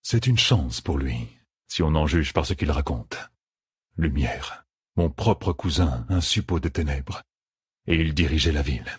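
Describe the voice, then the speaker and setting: A man voicing a sober, weary soldier who speaks low and hushed, grave in tone, in an audiobook. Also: sing-song, brisk, slightly rough, dry recording, clean studio sound, exaggerated voice.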